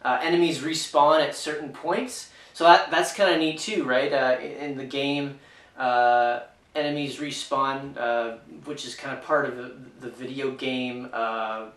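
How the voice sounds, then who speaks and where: A man's voice: medium pitch, steady tone, measured pace, a bit bright. A man giving a casual, unscripted board game review, hesitant and full of fillers and restarts. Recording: echoey room, mic far off.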